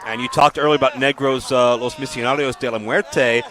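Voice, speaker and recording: A man's voice: mid-range voice, steady tone, a little fast, a bit bright. A man calling a lucha libre match as a play-by-play wrestling announcer.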